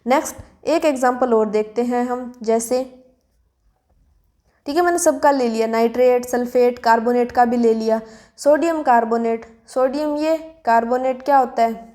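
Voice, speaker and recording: Mellow-voiced woman teaching chemistry. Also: fairly high pitch, steady tone. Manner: asks questions and answers them herself, slows to spell out formulas. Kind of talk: classroom lesson explanation.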